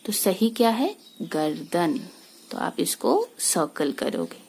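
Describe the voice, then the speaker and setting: A woman teacher speaks slowly to young pupils. Her pitch moves a lot as she explains. Her voice is husky, with a gravelly edge. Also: huge pitch swings, a little mellow. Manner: slow, patient explaining with many rhetorical questions. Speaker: school teacher. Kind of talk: recorded lesson for young children.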